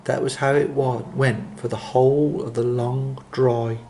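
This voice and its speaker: A man reads a children's story in a gentle, expressive voice of medium pitch. He slows his phrasing to build drama. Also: creaky, a little hiss or hum.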